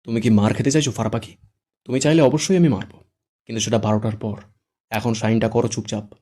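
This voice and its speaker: A man's voice: mid-range voice, fairly even intonation, fast, mellow, natural voice. A man voicing a hot-tempered young groom who gives curt, threatening commands. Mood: bossy.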